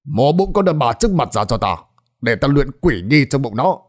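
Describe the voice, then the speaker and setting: A cruel sorcerer snaps out a brutal order, played by a male storyteller. His tone is harsh and commanding. Nothing soft about him. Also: medium pitch, very animated, normal speed, voice pushed up. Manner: barking commands.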